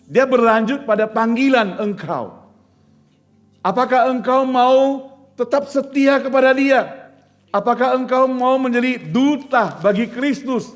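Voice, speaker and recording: An earnest male pastor with a high-pitched voice, preaching in a church. He presses his point with repeated rhetorical questions, and soft music plays faintly behind him. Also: a little slow. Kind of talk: sermon with storytelling.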